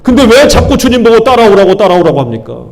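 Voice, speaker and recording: A man's voice: high-pitched, sing-song, fast talker, creaky, a little mellow. A male pastor preaching a sermon, firing questions at his congregation and hammering key words through repetition. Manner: call-and-response questions to the congregation, emphatic repetition.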